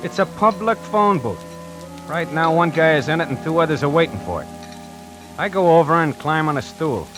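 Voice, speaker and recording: Backed by a music score, a man with a slightly high voice leads and narrates a 1940s radio drama as a brash, fast-talking salesman telling his own story. He is very animated and moderately paced, cracking wise in a conversational style.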